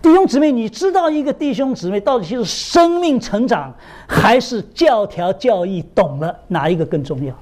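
Animated middle-aged male preacher. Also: moderate pace. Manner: animated storytelling, swinging from low asides to high emphatic questions; often asks the congregation rhetorical questions. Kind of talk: sermon.

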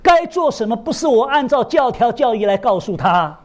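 A middle-aged man delivers a sermon in an animated storytelling manner. His voice leaps high for emphasis and drops low for asides, and he keeps turning to the congregation with rhetorical questions. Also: moderate pace. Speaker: preacher.

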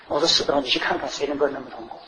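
A man preaching a sermon, telling stories from his own life and swinging between loud, high bursts and quiet asides. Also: racing, a little hiss or hum, rough recording. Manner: animated, rising and falling sharply in pitch and volume.

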